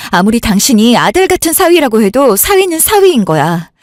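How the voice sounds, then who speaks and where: A woman's voice: fairly high pitch, big pitch swings, brisk, no echo, clean studio sound. A woman voicing a grieving elder sister in a radio drama, insistent and worked up as she keeps pushing to call the police. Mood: agitated. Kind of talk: Korean radio drama acting.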